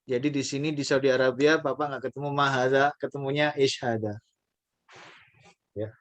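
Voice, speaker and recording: A man teaching a casual online language lesson, patiently repeating phrases slowly for learners to copy. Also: medium pitch, steady tone.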